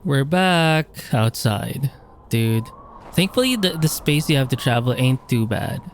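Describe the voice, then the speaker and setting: A man's voice: medium pitch, slow, a little hiss or hum. Jumpy, foul-mouthed man playing a horror game. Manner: jumpy, swears a lot, nervous exclamations. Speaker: gamer. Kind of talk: horror game let's play commentary.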